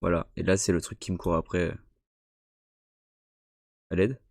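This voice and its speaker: A man's voice: low-pitched, level tone, fast talker, vocal fry, darkish tone, faint music behind. A young man casually commenting live as he plays a horror game, chatty and joking, reacting to the scares. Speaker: streamer playing a horror game.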